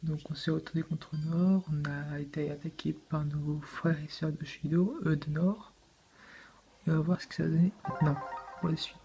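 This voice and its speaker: A man's voice: fairly high pitch, little pitch movement, normal speed, mellow, faint music behind, poor audio. A man doing casual, hesitant gameplay commentary as a let's play gamer.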